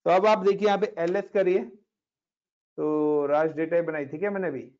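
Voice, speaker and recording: A man's voice: fairly high pitch, moderate pace, a little mellow. A man teaching a casual Linux class, talking students through each step and mixing in English words. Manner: chatty, talks students through steps, mixes in English words. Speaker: Linux instructor. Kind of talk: casual screen-share class explaining commands. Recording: dull lo-fi recording.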